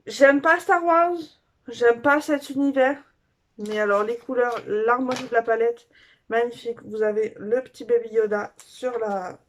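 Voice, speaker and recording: A woman beauty vlogger chatting casually through a makeup haul review, gushing and filling pauses with little fillers. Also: a little high, darkish tone.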